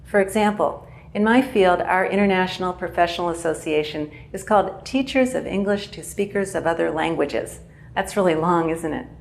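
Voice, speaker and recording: A woman English teacher giving a clear, measured pronunciation lesson. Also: on the low side, slight background noise.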